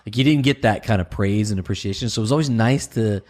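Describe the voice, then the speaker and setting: A man's voice: lowish voice, fast, a little mellow. A man co-hosting a podcast who asks pointed questions and restates the other speakers' points. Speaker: podcast co-host. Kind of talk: casual chat.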